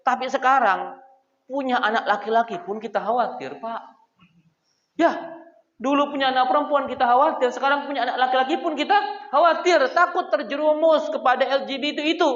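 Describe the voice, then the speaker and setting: A man preaching a lively sermon, joking with his audience and calling out to them directly. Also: sits high. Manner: animated, jokes with the crowd, addresses them as Pak. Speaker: Islamic preacher. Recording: echoey, dull hall recording.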